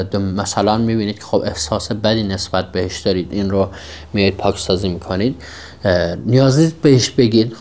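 Guy with a lowish voice giving a self-help lesson, keeps repeating himself and firing off questions. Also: a little mellow. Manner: repetitive, emphatic, asks himself rhetorical questions. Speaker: self-development teacher. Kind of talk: teaching podcast monologue.

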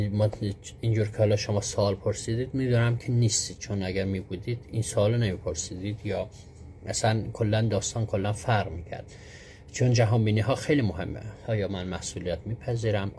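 A man's voice: sits low, dark tone, slight background noise. A man hosting a live stream who greets viewers one by one and patiently explains answers to their questions, with frequent fillers. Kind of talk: casual live-stream teaching.

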